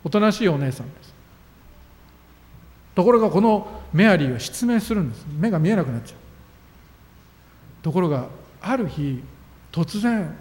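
A man's voice: sits high, big pitch swings, moderate pace, long pauses, a little mellow. A man preaching a sermon as a pastor, earnest and emphatic, with sudden rises in his voice. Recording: long reverb of a hall.

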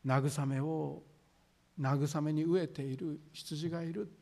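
牧師の男性が、丁寧な文末で、ゆっくりと厳かに説教している。. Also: male voice, fairly high pitch, fairly even intonation, creaky, a little mellow. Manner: solemn, deliberate preaching with formal sentence endings. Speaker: pastor. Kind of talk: sermon.

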